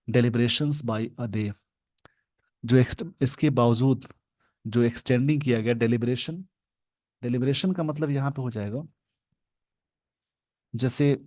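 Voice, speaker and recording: A man with an Indian accent teaching English in Hindi, explaining an editorial word by word and slowing down to read the English phrases. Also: medium pitch, darkish tone, no echo. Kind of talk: Hindi-language English lesson reading an editorial.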